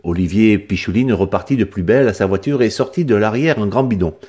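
A man reading a humorous story aloud in a lively, expressive way. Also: lowish voice, brisk, slightly rough. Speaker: narrator.

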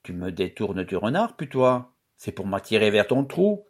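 A man's voice: lowish voice, normal speed, husky. Man voicing a teasing young village girl. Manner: teasing, lively.

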